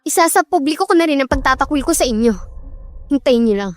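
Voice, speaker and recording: A woman's voice: high voice, animated, quick pace, no echo. A woman dubbing a defiant young woman. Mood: cold defiance. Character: defiant young woman cutting off her family. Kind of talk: Tagalog dub acting.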